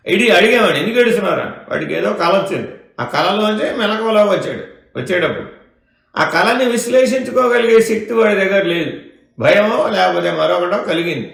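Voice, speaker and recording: Male spiritual teacher, slightly high, gravelly voice, quizzing his listeners through a discourse in an echoey room. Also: expressive, a little fast, fairly bright tone. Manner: keeps asking listeners rhetorical questions. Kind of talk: question-and-answer spiritual discourse.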